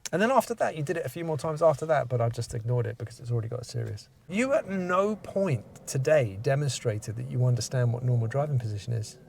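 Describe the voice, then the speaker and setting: A man's voice: medium pitch, lively intonation, fast talker, vocal fry, few pauses, darkish tone, a little hiss or hum. A man, a driving instructor giving feedback after a mock test, explaining step by step and asking leading questions.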